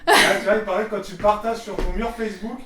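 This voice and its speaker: A woman's voice: mid-range voice, steady tone, quick pace, far from the mic. A woman acts as a workout partner, playfully egging people on with short repeated urgings and casual banter. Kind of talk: casual banter and shouted encouragement during exercise. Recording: echoey noisy room, away from mic.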